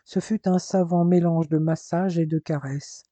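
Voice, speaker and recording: A man's voice: fairly high pitch, measured pace, no room sound. A man narrating a romance novel aloud, reading steadily into a close mic. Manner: steady storytelling read. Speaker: audiobook narrator. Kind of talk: scripted narration.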